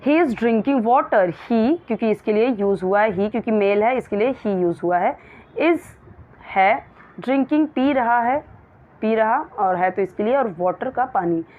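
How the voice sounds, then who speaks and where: A woman teaching English in Hindi, reading example sentences slowly and explaining each word. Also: mid-range voice. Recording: dull lo-fi recording.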